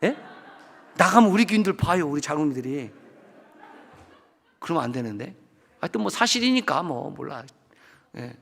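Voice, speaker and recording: A man, a guest pastor, preaching a storytelling sermon about his own experiences and acting out the dialogue, jumping between loud bursts and quiet asides. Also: normal speed, gravelly, pauses often. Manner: animated, acts out dialogue and swings between loud outbursts and low asides. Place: church sanctuary. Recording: long church hall reverb.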